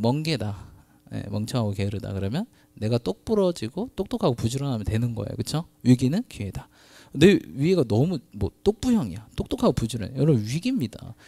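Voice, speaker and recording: A male pastor preaching to his congregation in a chatty, questioning way. His pitch swings widely from low to high as he talks. The sound is dry and close, with little room echo. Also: gravelly, warm tone. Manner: laughs often mid-sentence. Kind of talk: sermon.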